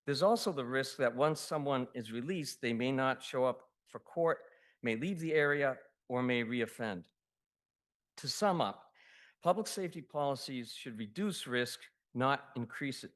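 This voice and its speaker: A man giving public comment at a city council meeting, reading a prepared statement in a steady, formal way. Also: mid-range voice, measured pace.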